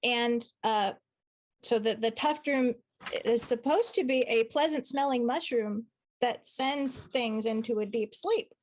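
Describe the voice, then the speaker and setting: A woman's voice: on the high side, a little slow. A woman playing a tabletop role-playing game, playful and jokey as she describes her character's actions. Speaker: player.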